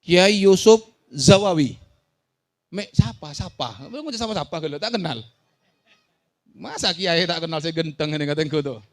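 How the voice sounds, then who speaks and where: A man preaching a sermon to a village gathering. He swings from shouted warnings to quiet asides and often questions and jokes with the audience. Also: a little high, brisk. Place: outdoor village religious gathering.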